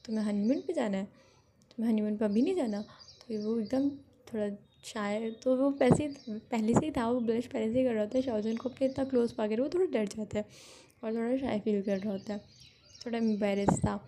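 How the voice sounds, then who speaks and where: A woman's voice: fairly high pitch, fairly even intonation, moderate pace, background noise. A woman casually retelling a fan fiction story, chatty, often correcting herself mid-sentence. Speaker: narrator.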